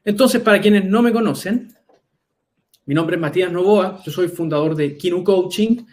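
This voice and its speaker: A Chilean man with a fairly high voice presents a live online talk as a health coach. He speaks conversationally to his viewers and keeps checking in to see whether they are following. The sound comes from a computer mic on a video call. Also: moderate pace, a little mellow. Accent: Chilean Spanish. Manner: conversational, often checks in with the audience by asking "¿ya?". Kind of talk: webinar presentation.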